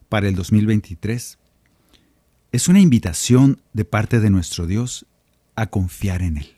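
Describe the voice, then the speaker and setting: Mellow-voiced man preaching over guitar. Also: fairly low pitch, no room sound, studio quality. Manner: earnest, gently persuasive, speaks directly to the listener. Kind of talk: conversational preaching reflection. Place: home recording studio.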